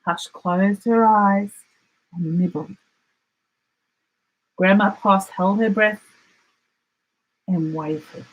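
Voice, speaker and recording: Husky, unhurried Australian woman storyteller. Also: mid-range voice, rough recording. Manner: expressive, deliberate dramatic emphasis. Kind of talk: children's picture book read-aloud.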